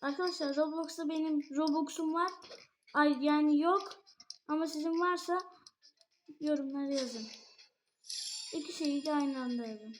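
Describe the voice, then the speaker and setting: A woman giving excitable live gameplay commentary as a channel host, full of exclamations and squeals, nervous and stumbling over her words. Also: high-pitched, moderate pace, pauses often, a little hiss or hum.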